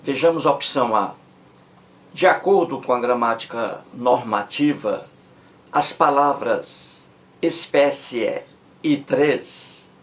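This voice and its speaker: A man with a Brazilian accent teaching a grammar lesson, repeating each example word with slow, deliberate emphasis. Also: mid-range voice. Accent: Brazilian Portuguese. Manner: drawn-out, emphatic repetition of example words. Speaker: Portuguese language teacher.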